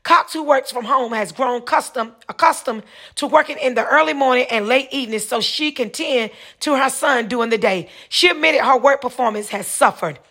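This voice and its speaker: With a high, slightly bright voice carrying a breathy edge, a woman speaks at a moderate pace. Hosting a podcast alone, she reads out a news article before drifting into loose commentary where she repeats and corrects herself.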